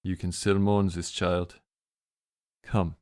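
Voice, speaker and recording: Playing a grave man of fog-bound Victorian London, he speaks very low in a level, darkish tone, guarded and fatalistic. The mood of this radio drama is somber, and music plays in the background.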